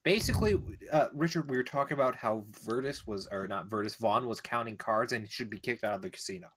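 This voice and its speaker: A man's voice: mid-range voice, lively intonation, fast talker, fairly bright tone. A man playing in a tabletop game, joking and laughing often. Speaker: player. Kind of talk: casual tabletop game chat.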